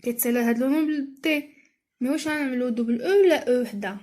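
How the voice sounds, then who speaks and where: A woman with a Moroccan accent, explaining a French lesson and reading sentences slowly and carefully, as in a dictation. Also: high voice, a little mellow. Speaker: teacher.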